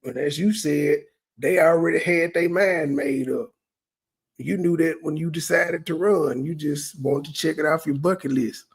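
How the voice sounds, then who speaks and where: A man hosts a reaction video, mocking the clip with blunt, profane commentary. His voice is gravelly and husky, pitched a little high. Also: moderate pace. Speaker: YouTube reaction host.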